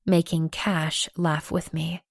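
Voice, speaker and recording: Brief: woman narrator, lowish voice, dry close studio sound, playful first-person romance read. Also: little pitch movement, takes it slowly, slightly rough, dry recording. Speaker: audiobook narrator.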